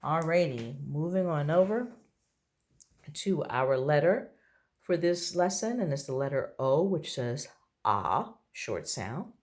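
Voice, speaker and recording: A woman's voice: deep voice, animated, unhurried, a little mellow. A woman teaching a phonics lesson to young children, patiently drawing out each letter sound. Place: at home.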